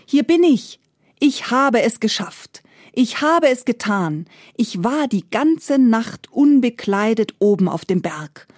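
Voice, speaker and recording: A woman voicing a poor male woodcutter who speaks breathlessly and excitedly, then angrily demands fairness. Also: mid-range voice, normal speed, no room sound, clean studio sound, natural voice.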